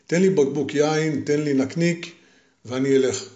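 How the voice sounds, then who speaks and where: A man's voice: on the high side, a little mellow, reverberant, lightly acted. A man voicing a fearless, cocky young Italian man who brushes off every danger, in a storybook tale.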